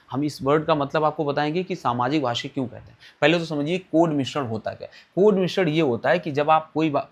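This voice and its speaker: Man teaching, quizzing and answering himself. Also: on the high side. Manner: asks questions and answers them himself; repeats key terms for emphasis. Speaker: exam-prep teacher. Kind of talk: online exam-prep lecture.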